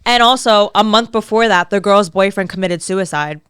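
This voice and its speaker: A woman in her twenties from New York tells a long, messy story on a casual podcast, slipping into other people's voices for the quotes. Her voice is smooth and clear, at a middling pitch. It is recorded close on a dry mic with no room sound. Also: normal speed, a bit bright, dry recording. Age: 20s. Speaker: podcast co-host.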